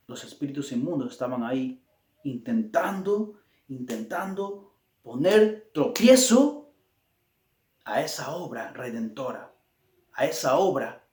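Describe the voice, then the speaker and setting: A man's voice: on the high side, a little mellow, reverberant. A man teaching a Bible study as a sermon, emphatic and repetitive, hammering his phrases again and again.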